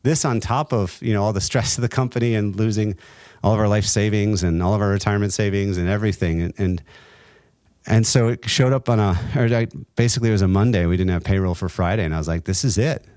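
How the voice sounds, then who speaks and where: A middle-aged man speaks in a very low voice, recorded close and dry. He tells his story as an interview guest in an earnest, halting way, with many restarts and a few laughs. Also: darkish tone, no echo. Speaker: guest, entrepreneur and nonprofit co-founder.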